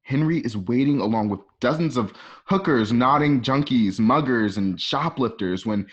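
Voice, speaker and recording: The man's medium-pitched, slightly rough voice is animated and moderately paced. He narrates the screen directions of a script for an online radio drama, occasionally stumbling before correcting himself. It's a dull, lo-fi home recording.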